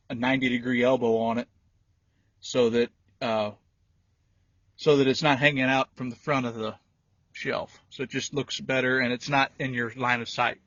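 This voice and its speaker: A man with a fairly bright, mid-range voice explains things informally and a little ramblingly in a folksy handheld video about a pickup truck, moving in and around the cab as a vehicle DIY creator. His phone or camera recording has a dull lo-fi quality and roomy echo.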